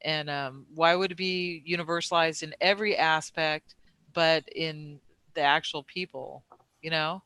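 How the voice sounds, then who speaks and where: A man's voice: fairly high pitch, steady tone, unhurried, pushed and bright, clear, resonant tone, dry recording. A man in casual conversation who rambles, with many fillers and restarts.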